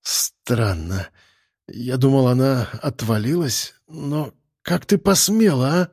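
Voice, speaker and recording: A man voicing a dazed, sarcastic young man named Andrey, muttering slowly and wryly. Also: medium pitch, animated, darkish tone, breathy edge, no room sound, clean studio sound, full character voice. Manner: slow, groggy, wry mutters.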